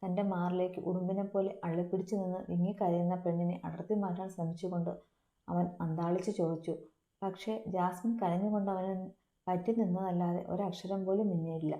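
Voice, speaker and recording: Dark-voiced woman narrating a story. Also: fairly low pitch, level tone, fairly quick. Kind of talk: scripted narration of a romance story. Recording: roomy echo.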